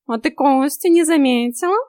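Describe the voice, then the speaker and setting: A woman's voice: high-pitched, normal speed, warm tone, dry recording, studio quality, pitched above the performer's own voice, natural voice. A woman voicing a grumbling, sarcastic male talking cat in an audiobook. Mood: snarky. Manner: sarcastic, scolding.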